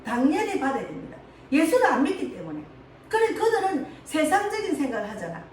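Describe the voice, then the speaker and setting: A woman's voice: sits high, fast, slight background noise. A middle-aged woman pastor with a Gyeongsang Korean accent, telling an emotional personal story in a sermon. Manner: emotional, animated storytelling with laughs. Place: church sanctuary. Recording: echoey hall, mic far off.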